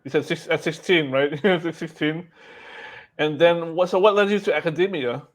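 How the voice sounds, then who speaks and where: A man's voice: a little high, normal speed. A man hosting a podcast, asking curious questions and nodding along with short murmurs. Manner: curious, with short encouraging backchannels. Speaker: podcast host. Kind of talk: podcast interview.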